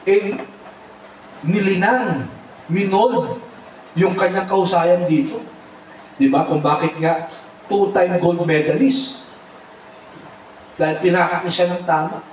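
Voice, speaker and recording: Man pastor, high voice, animated sermon, echoey hall, distant mic. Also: slow pace, pauses often, a little hiss or hum. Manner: animated, mixes English phrases, says amen often. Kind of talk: Tagalog sermon with humor.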